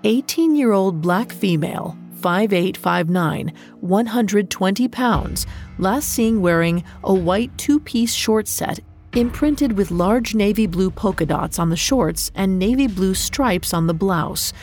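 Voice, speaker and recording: A woman narrating a scripted true-crime story as host, in a measured, suspenseful crime show manner. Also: mid-range voice, lively intonation, a little mellow. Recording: music under the voice. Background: background music.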